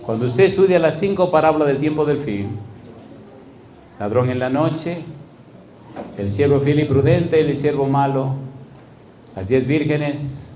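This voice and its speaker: A man's voice: fairly high pitch, measured pace, pauses often, mellow, slight background noise. A man preaching a sermon, telling a story and acting out the dialogue with laughter. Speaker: pastor. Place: church. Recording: echoey church hall.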